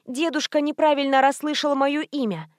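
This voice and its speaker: A woman reading an audiobook, voicing a flustered young heroine in a high, pleading manner. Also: steady tone, normal speed, dry recording, clean studio sound, lightly acted.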